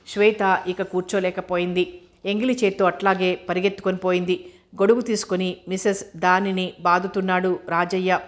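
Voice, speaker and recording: Flat-voiced woman narrating a novel. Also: on the low side. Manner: steady, unhurried storytelling. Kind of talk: scripted audiobook narration.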